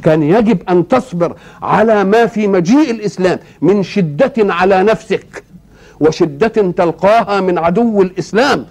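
A man's voice: high-pitched, normal speed, darkish tone. An older man with an Egyptian accent giving a religious lesson, explaining step by step and asking rhetorical questions before answering them. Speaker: Quranic exegete. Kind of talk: religious lesson, Quran commentary.

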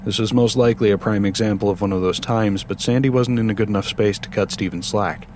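A man reading a horror story aloud with steady, measured narration. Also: on the low side, a little hiss or hum.

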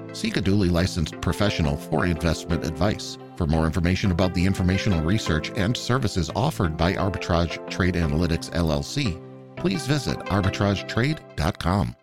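A man's voice: sits low, animated, normal speed. A man reading a scripted legal disclaimer as a podcast announcer. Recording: music bed behind the voice. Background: music.

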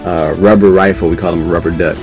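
A man from New York, a podcast guest, telling a story in a casual, animated way, laughing as he goes. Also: deep voice, fast, lo-fi sound, soft background music. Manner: animated, acts out quoted voices, laughs mid-story.

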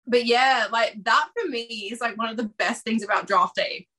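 A woman hosts a casual basketball podcast. Her voice is bright and forward, and she talks in a loose, emotional way, full of "like" and quick asides. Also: a little high, low-quality recording. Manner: chatty and emotional, filler-heavy. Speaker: podcast host. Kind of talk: casual sports podcast chat.

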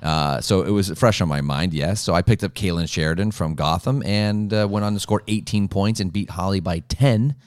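A man with a very low voice co-hosts a casual sports podcast. He talks in an easygoing, teasing way. The sound is dry and close. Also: normal speed, hardly any pauses, no room sound. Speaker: podcast co-host.

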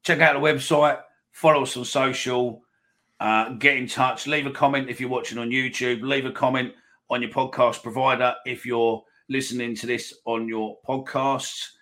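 Man, football podcast host, mid-pitched, casual and sweary. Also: fairly even intonation, normal speed, bright, forceful tone. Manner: blunt, sweary.

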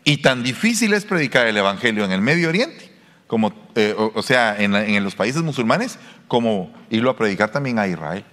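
A man with a Mexican Spanish accent preaches a sermon, talking to his listeners as in a conversation. His pitch swings widely as he keeps asking them questions. His voice rings in the long reverb of a hall. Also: very animated, moderate pace, a bit bright. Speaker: pastor.

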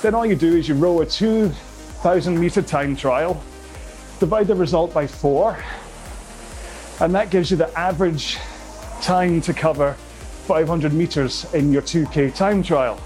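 A man leads an indoor rowing session, explaining stroke rates and timing at length. He talks in a friendly, rambling way and laughs at his own long explanations. Soft music plays faintly underneath. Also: fairly high pitch, measured pace, long pauses. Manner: chatty, rambling, self-aware explanations. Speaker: rowing coach. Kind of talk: workout instruction.

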